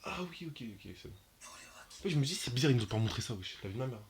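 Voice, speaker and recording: A young man giving casual reaction commentary to his viewers, slangy and excitable, his voice jumping high and loud when he is shocked. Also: fast, crowd noise. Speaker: anime reaction YouTuber.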